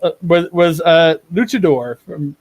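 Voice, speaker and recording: A man's voice: a little high, measured pace, a crowd in the background. A man running a tabletop game as game master, rambling through tangents and repeating words as he builds his point.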